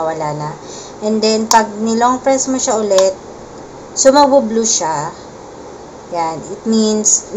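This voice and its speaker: A woman doing a casual product demo, explaining in short bursts with frequent pauses, speaking into a condenser mic at home. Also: medium pitch. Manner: talks in short explanatory bursts, often pausing. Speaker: product reviewer. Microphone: condenser mic through a sound card. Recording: noisy home recording.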